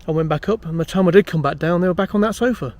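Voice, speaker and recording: Actor playing a british ghost hunter guy, kinda high voice, chatty and full of himself but uneasy, found footage horror style. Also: racing, darkish tone, lightly acted. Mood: reminiscing, aggrieved. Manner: rambling, self-important, chatty. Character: boastful, uneasy male amateur ghost hunter filming himself. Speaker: paranormal investigator presenting a documentary. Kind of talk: found-footage horror film monologue to camera.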